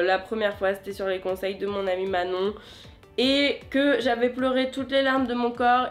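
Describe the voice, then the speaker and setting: Une femme qui présente un vlog littéraire sur un ton de conversation détendue, bavarde et ponctuée d'hésitations. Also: female voice, medium pitch. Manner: chatty, many hesitations. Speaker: book vlogger. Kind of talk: casual vlog chat.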